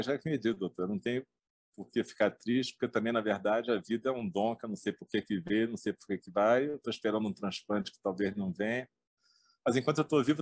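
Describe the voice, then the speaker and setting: Husky-voiced man telling a story. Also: on the low side, darkish tone, no echo. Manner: colloquial and humorous, acts out the characters' lines. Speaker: teacher. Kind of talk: informal lecture retelling a story.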